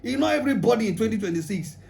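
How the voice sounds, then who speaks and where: A Nigerian man with a very high voice delivers a relationship talk to a crowd. He jokes, slips into pidgin and acts out playful scenes as he goes. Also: expressive, very fast, gravelly, a little mellow, a little hiss or hum. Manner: humorous, mixes pidgin, acts out quotes. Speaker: relationship speaker. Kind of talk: lively relationship talk to an audience.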